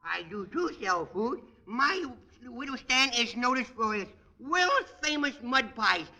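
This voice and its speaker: A man's voice: very high-pitched, very animated, unhurried, bright, forceful tone, heavily acted. A man voicing a mischievous little boy troublemaker in a 1940s radio comedy, brash and full of bad grammar. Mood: boastful. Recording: noisy old radio broadcast.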